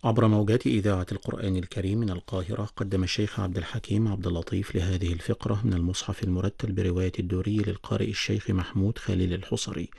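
Male radio announcer, dark husky voice, dry close sound. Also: deep voice, fairly even intonation, no room sound. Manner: rapid formal delivery. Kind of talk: formal broadcast announcement.

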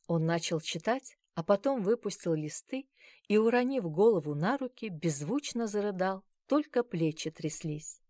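A woman's voice: on the low side, warm tone, no room sound, clean studio sound. A woman narrating a detective story in the first person, wry and matter-of-fact. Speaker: audiobook narrator.

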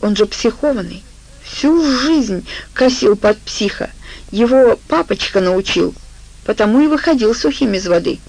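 A woman's voice: on the high side, expressive, measured pace, a little mellow, poor audio. A woman voicing a tipsy, frightened middle-aged drunk woman who whines and hiccups. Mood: fearful.

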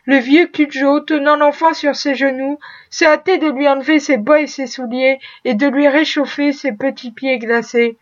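A woman narrating a classic novel as an audiobook, in a measured, expressive reading. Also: sits high. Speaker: audiobook reader. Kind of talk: scripted narration. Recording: muffled lo-fi recording.

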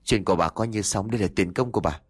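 A man's voice: on the low side, fast talker, husky, no room sound, studio quality. A man voicing a cruel, domineering older mother-in-law in an audio story, with a harsh, scolding delivery. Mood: cold, harsh.

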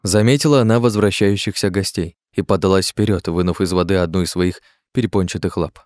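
A man narrating an audiobook in a steady, measured way. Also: sits low, no room sound, studio quality.

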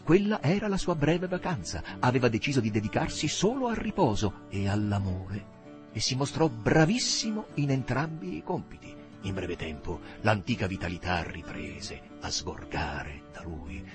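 Man reading a novel aloud, expressive, lowish voice, music underneath. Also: moderate pace. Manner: expressive, dramatic phrasing. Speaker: narrator. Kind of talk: audiobook reading.

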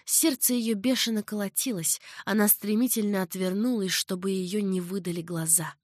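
A woman narrating an audiobook novel in a calm, measured reading voice. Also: mid-range voice, dry recording, studio quality. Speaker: audiobook reader. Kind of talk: scripted narration.

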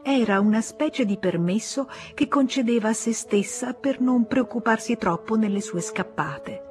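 A woman reading a classic novel aloud as an audiobook narrator, measured and expressive. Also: fairly high pitch, soft background music. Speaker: audiobook reader.

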